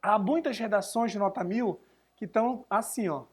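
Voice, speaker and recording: A man's voice: high voice, moderate pace, breathy edge. A man teaching an essay-writing class live online, chatting casually and answering viewers' questions as he goes.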